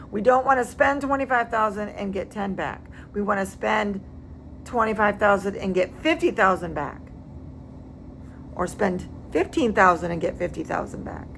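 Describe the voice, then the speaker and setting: A woman's voice: medium pitch, gravelly, a little hiss or hum. A woman real estate agent giving casual advice, emphatic and repeating words for stress.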